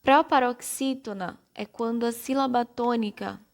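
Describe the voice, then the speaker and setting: A woman teacher with a Brazilian Portuguese accent, giving a slow, careful primary-school lesson and spelling out syllables one by one. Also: on the high side. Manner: spells out syllables slowly and deliberately.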